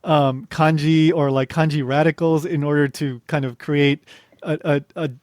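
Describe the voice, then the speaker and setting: A man's voice: fairly high pitch, little pitch movement, normal speed, darkish tone, no room sound, clean studio sound. A man interviewing in a casual, informal way, thinking aloud as he frames his points.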